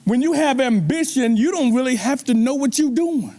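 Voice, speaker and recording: A man's voice: extremely high pitch, animated, moderate pace, dark tone. A middle-aged man giving a motivational keynote speech at a banquet, preacher-like, calling out to the students and asking the crowd rhetorical questions. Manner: preacherly, repeatedly addresses the audience with rhetorical questions. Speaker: motivational speaker. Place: banquet event.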